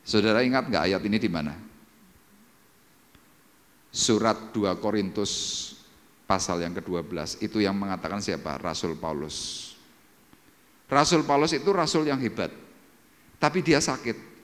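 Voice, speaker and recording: A male pastor with an Indonesian Central Javanese accent preaches a sermon, swinging from loud, high calls to low, quiet asides and putting questions to the congregation. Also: lively intonation, unhurried, pauses often. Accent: Indonesian, Central Java. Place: church hall. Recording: long reverb of a church hall.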